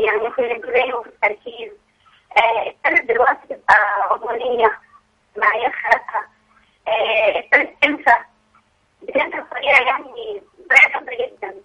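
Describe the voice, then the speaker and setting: A fast-talking woman with an Egyptian accent calls in over a glitching phone line that keeps breaking up. Her voice sounds muffled and lo-fi, slightly husky, and she hesitates with many fillers. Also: on the high side. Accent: Egyptian Arabic. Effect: glitching, breaking-up phone audio. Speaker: caller to a parenting advice show.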